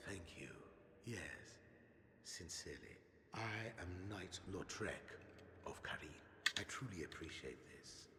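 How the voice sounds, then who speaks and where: A silky, treacherous caged knight. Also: male voice, lively intonation, a little slow, a little hiss or hum, full character voice. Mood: silky, sly. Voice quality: low, soft-spoken and silky. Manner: courteous with a sly villainous edge. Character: smooth treacherous male knight freed from a cage. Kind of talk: video game character dialogue. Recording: roomy game audio with long reverb.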